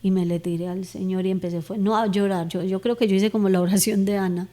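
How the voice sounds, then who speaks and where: A woman's voice: mid-range voice, steady tone, fast, mellow. A middle-aged woman telling a personal faith testimony in conversation, earnest and emotional, and at times retelling her fervent prayers aloud. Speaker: guest giving a faith testimony.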